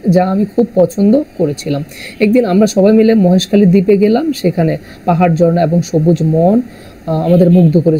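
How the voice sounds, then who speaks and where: A man from Bangladesh explaining exam answers as a teacher, halting often with "ah" fillers and correcting himself mid-word. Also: high-pitched, dark tone, slight background noise, poor audio. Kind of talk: exam answer walkthrough lesson.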